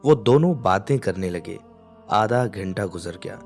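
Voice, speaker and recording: A man calmly narrating a scripted domestic story. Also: fairly low pitch, a little slow, soft background music.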